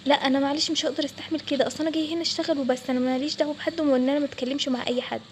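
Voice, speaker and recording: A woman's voice: high-pitched, fairly even intonation, very fast, slight background noise, natural voice. A woman with an Egyptian Arabic accent voicing an exasperated young bank clerk in a toy role-play story. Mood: annoyed. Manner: exasperated, snapping back.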